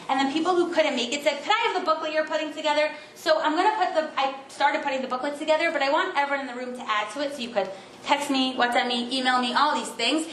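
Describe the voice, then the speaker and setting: Chatty high-voiced woman teaching in an echoey room. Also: a bit bright. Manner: chatty storytelling, fast asides, self-interrupting. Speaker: class speaker. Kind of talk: informal talk to a women's class. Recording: roomy echo with faint background noise.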